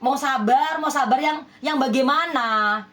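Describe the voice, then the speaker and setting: Woman, high voice, spiritual reader; speaks to the viewer with emphasis, scolding and persuasive. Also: a little slow, fairly bright tone. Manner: emphatic, repeats rhetorical questions like "ya kan?". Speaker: spiritual healer giving love readings. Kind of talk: direct address to viewers, relationship reading.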